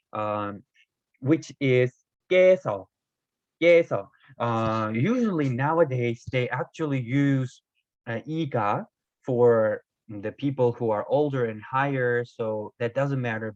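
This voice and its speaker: A slightly hoarse, medium-pitched man, not a native Korean speaker, gives a casual video lesson on Korean grammar. He stumbles with frequent fillers and corrects himself, and the audio is dull, dry, lo-fi, and echo-free.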